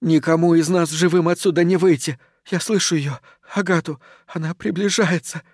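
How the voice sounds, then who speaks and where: A man reading a storybook voices a frightened young woman who speaks through tears in a hushed, shaky way. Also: sits low, fairly even intonation, normal speed, no echo, clean studio sound, close to an everyday voice. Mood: tearful. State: crying. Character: young woman, terrified, weeping, bitter.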